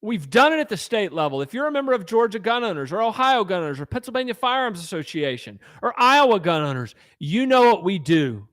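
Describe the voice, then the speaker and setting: Guy ranting on a livestream, high voice, swings way up and down, real combative. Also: very animated, brisk, few pauses, a bit bright. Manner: combative, rallying, punchy. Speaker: gun rights advocacy host. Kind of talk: fiery livestream advocacy talk.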